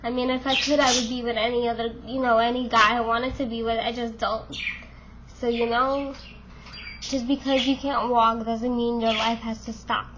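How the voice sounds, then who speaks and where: Talking to camera at a normal speed, a vlogger in her twenties sounds high-side, a bit bright and level in tone. She's chatty and frank with lots of fillers, though her nose is stuffed and her voice keeps failing. The audio is dull with a little hiss or hum.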